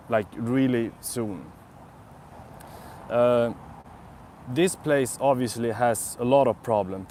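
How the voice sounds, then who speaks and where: Speaking with a medium-pitched, darkish voice over a little hiss or hum, this young vlogger from Sweden talks with a Swedish accent. He's live streaming casually in a city park, rambling and reflecting as he responds to comments from his chat.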